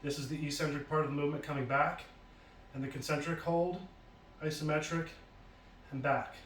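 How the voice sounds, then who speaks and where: A man's voice: on the high side, fairly even intonation, brisk, fairly bright tone, slight background noise. A man demonstrating exercises at home as a fitness instructor, casually explaining each move while he performs it. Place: home basement. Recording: roomy echo from far off, faint ambience.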